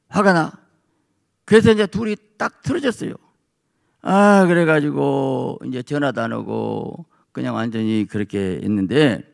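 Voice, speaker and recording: A man pastor giving a sermon in a church, telling a story with animated voices. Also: a little high, vocal fry. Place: church sanctuary.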